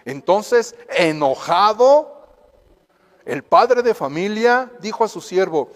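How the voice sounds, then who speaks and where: A man's voice: high voice, lively intonation, a little slow, in a large hall. A man giving a Bible lesson, earnest and personal, acting out excuses and prayers in quoted voices. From Mexico. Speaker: Sunday school teacher.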